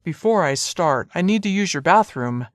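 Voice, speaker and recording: A woman's voice: on the low side, animated, moderate pace, no room sound, natural voice. A narrator voicing a nervous young man who tries to sound casual, kept close to the narrating voice. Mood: hesitant.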